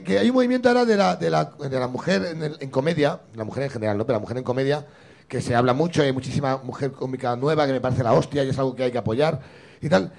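Gravelly, lively Spanish comedy host. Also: male voice, a little high. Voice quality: gravelly, husky voice. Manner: animated, acts out both sides of the story. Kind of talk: stand-up style storytelling.

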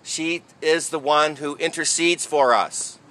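Bright-voiced man preaching as a priest. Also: on the high side, slow pace. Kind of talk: sermon and liturgical reading at Mass.

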